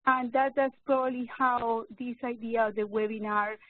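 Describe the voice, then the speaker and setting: A woman in her fifties, a neurologist giving an educational webinar talk, speaking slowly and hesitantly with many fillers and restarts. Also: fairly high pitch, fairly even intonation, slight background noise. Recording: narrow phone-like webinar audio, dry.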